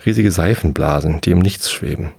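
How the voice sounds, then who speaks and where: A man's voice: low-pitched, fairly quick, creaky, a little mellow, breathy edge, no echo, clean studio sound, full character voice. A man voicing Havarius Opal, a bitter gnome. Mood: lecturing. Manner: lecturing, sighing, condescending. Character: bitter, sleepless nightmare gnome, male. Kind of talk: bedtime story reading.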